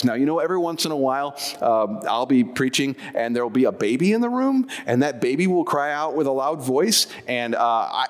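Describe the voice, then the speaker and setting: A man's voice: mid-range voice, big-room sound. A man preaching a sermon, explaining scripture conversationally with personal asides. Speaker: pastor.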